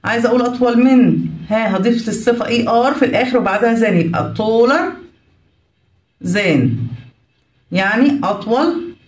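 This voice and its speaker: An Egyptian woman teaches a grammar lesson, patiently asking questions and then answering them herself. Her voice sits on the higher side. The recording is roomy and echoey, with the mic set some distance from her. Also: fast, darkish tone. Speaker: English teacher.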